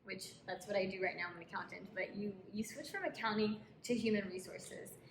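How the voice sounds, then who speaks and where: A woman's voice: mid-range voice, brisk. A woman co-hosting a casual interview, asking direct, inquisitive questions. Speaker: co-host, accountant. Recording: echoey room, clear ambient noise.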